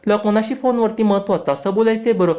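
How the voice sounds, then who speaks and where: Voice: medium pitch, quick pace, pitched above the performer's own voice, natural voice. A serial recap narrator voicing a puzzled mother who asks questions, on dull lo-fi audio.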